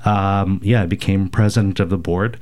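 A man from rural Alberta, Canada speaks on a radio interview while getting over a cold. His voice sits low and smooth, and his answers come slowly and thoughtfully, broken up by many ums and uhs. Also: steady tone, darkish tone. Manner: thoughtful, hesitant, many fillers. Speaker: radio station board president, guest.

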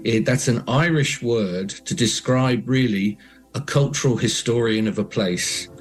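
A British man in his forties, an oral storyteller talking reflectively and eloquently in an interview, in unhurried poetic phrases. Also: mid-range voice, rough recording. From Britain. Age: 40s.

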